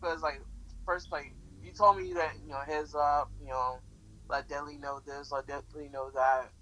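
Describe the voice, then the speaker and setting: Bright-voiced young man rambling casually. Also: fairly high pitch, little pitch movement, normal speed, rough recording. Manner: rambling with many restarts and fillers. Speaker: guest. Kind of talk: casual podcast chat.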